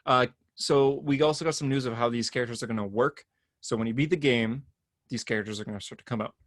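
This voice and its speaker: A podcast co-host chats casually about comic-book news, rambling a bit and laughing often. His mid-range voice moves quickly, and the studio sound is clean with no room sound.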